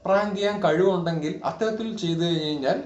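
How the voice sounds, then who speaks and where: Talking fast in a high-sitting voice, this man reacts to content with strong opinions, emphatic and indignant, scolding his subject through a stream of rhetorical questions. He's a reaction video creator, and his room has an echo.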